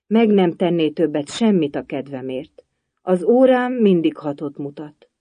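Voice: medium pitch, expressive, no echo, phone-quality sound, close to an everyday voice. A storybook reader voicing a sighing, lecturing hatter at an endless tea party. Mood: gloomy. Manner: sighing, lecturing, sings a nonsense song.

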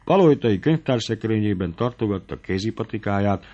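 A man reading a story aloud with a measured narrating voice. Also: on the low side, animated, warm tone. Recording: dull lo-fi recording.

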